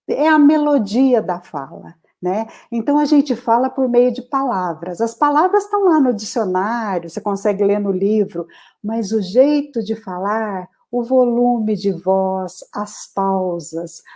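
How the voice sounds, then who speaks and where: Animated woman lecturing on a video call. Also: mid-range voice. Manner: animated, lecturing, emphatic slowdowns. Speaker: guest expert. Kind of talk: live online interview.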